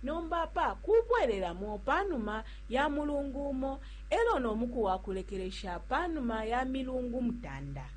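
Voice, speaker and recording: Radio health spot: caring experienced mother, woman actor, reassuring and persuasive, higher-set voice with lively intonation. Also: moderate pace. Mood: reassuring, advising. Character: caring experienced mother advising a younger new mother. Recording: humming, slightly noisy recording.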